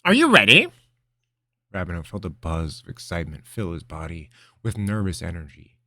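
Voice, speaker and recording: A man reading his own fantasy fiction aloud in a measured, expressive storytelling manner. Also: low voice, no room sound, studio quality. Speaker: author and narrator.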